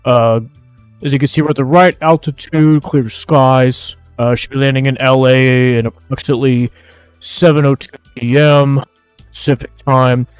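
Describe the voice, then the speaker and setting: A man imitating an airline pilot making a cabin announcement, his headset mic pressed to his mouth so it sounds like a loud, distorted intercom. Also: medium pitch, clean tone, dry recording, faint music behind, voice pushed down. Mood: calm announcing. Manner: steady, routine announcer delivery with drawn-out fillers. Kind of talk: live-stream chat. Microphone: gaming headset.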